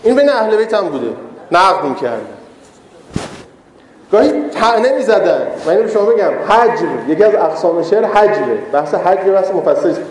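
A man's voice: high-pitched, lively intonation, a little mellow, a little hiss or hum. A man preacher giving a religious lecture, telling stories and asking rhetorical questions. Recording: echoey hall.

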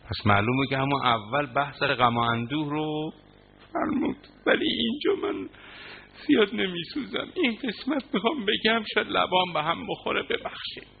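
A man with a fairly high, creaky voice preaches an impassioned mourning sermon, breaking into sobs as he recounts the narration. The sound comes through a tinny, phone-like line with faint noise.

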